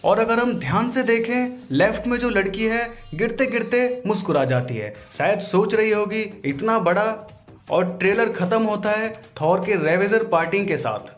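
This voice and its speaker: Soft music plays behind this expressive, high-voiced video host, who talks at a normal pace. He gives viewers a voice-over breakdown, joking crudely in informal slang.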